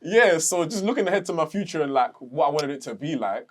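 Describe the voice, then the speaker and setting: A young man, co-hosting a casual podcast chat, animated and quick to swear and laugh. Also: on the high side. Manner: animated, swears and laughs, acts out his own inner voice. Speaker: podcast co-host.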